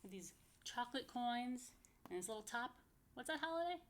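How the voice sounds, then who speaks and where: Reading a picture book to young children, an American rabbi hosting story time speaks expressively at a moderate pace in a slightly high voice. She adds chatty asides and asks her listeners playful questions.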